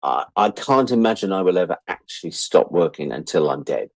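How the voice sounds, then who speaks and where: This interview guest, a freelance media producer from Britain in his sixties, has a low, sing-song voice and speaks fairly quickly. His chat is relaxed and thoughtful, frank and dryly humorous, with words doubled for emphasis. There's no room sound.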